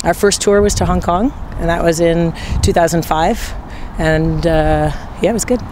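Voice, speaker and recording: A woman's voice: on the low side, normal speed, noisy background. A woman who founded a rugby team, answering questions in a chatty, playful way. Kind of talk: interview answers.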